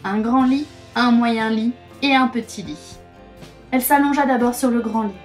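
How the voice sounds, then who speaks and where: A woman reading a children's storybook aloud in a gentle, expressive way. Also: on the high side, moderate pace, faint music behind.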